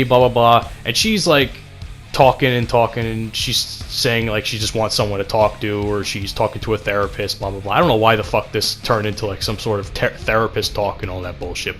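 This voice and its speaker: A man's voice: lowish voice, a bit bright. A young man ranting casually over gameplay, rambling, sarcastic and full of swearing. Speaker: gaming channel host.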